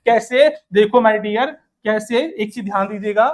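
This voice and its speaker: A male math teacher with a high-pitched, unhurried voice leads an exam-prep lesson in Hindi mixed with English terms, with noise in the background. He poses rhetorical questions and answers each one himself, fondly calling listeners "my dear" and counting numbers aloud in a steady rhythm.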